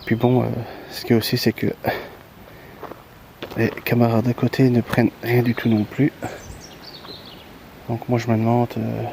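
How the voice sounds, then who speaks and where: A man's voice: mid-range voice, monotone, normal speed, gravelly, pauses often, a little mellow, slight background noise, poor audio. A man talking casually outdoors by the water after a fishing trip, rambling with many hesitations and a resigned tone. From Belgium. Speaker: fishing vlogger.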